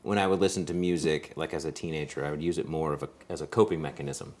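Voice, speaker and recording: A man's voice: a bass voice, fairly even intonation, quick pace, darkish tone. A young man co-hosting, talking in a rambling, reflective casual chat and often searching for words. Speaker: co-host.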